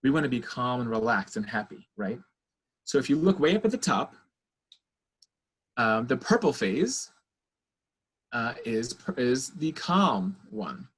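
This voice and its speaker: A man's voice: mid-range voice, sing-song, unhurried, long pauses, fairly bright tone, slightly rough. A middle-aged man, a child therapist, leading a parenting webinar over a video call and talking the audience through breathing exercises. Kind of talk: guided breathing instruction and lecture.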